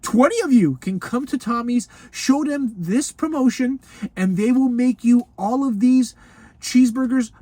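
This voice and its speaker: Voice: mid-range voice, measured pace, darkish tone, no echo. A food review show host in a casual, unscripted video, chatty and folksy, often laughing and calling the viewers grandchildren. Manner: chatty and folksy, calls viewers grandchildren, speaks of self in third person; laughs often between remarks. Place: Los Angeles.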